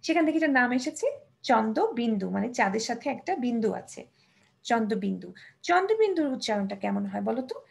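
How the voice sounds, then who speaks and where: A young woman teaching Bangla letters to a child, patiently sounding out words slowly and mixing in English terms. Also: fairly high pitch, big pitch swings, creaky. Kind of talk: children's language lesson.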